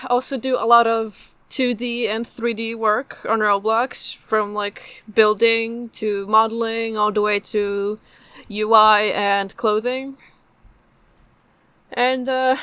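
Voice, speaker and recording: A young adult woman who is a native Polish speaker, a game translator and developer, answers interview questions casually as a guest. Her voice is a little high, a bit bright and smooth, with no room sound.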